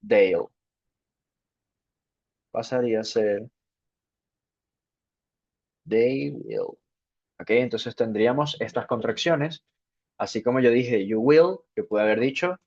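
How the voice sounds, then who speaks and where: A man's voice: mid-range voice, darkish tone. A man giving a spoken English grammar lesson, explaining step by step and checking in with "ok" after each point. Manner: slow, repeats "ok" to check understanding. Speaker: English teacher. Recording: dull lo-fi sound.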